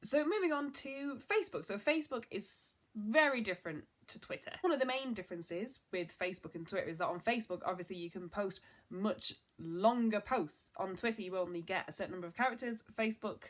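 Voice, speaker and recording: Young woman chatting through a marketing how-to, upbeat and casual, lots of "like". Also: mid-range voice. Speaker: presenter. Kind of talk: casual online marketing tutorial.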